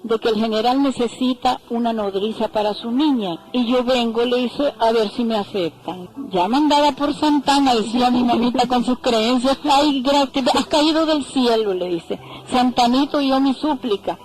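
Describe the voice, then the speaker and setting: A woman's voice: a little high, moderate pace, a little mellow, poor audio. An older woman recounting family memories in an interview, acting out the quoted voices and adding frequent tag phrases. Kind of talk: oral history storytelling.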